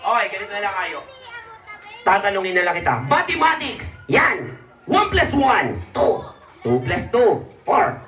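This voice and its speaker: Excitable male puppet-show host at a party, lively voice, roomy distant sound with music. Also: high voice. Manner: excitable, scolding, laughing. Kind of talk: live puppet show for children. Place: birthday party in a large hall. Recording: echoey hall from afar with music.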